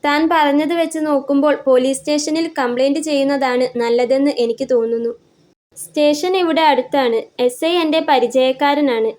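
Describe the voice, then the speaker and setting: A woman reading the lines of a calm, helpful adult male auto-rickshaw driver in a story, talking in a reassuring, questioning way. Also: sits high, moderate pace, close to an everyday voice.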